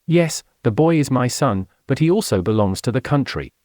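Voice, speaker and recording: A man voicing a stern father who argues emphatically and grows louder, in an audiobook. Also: mid-range voice, animated, normal speed, no room sound, studio quality, voice pushed up, close to an everyday voice. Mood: emphatic. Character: thin, stern adult father, a government worker.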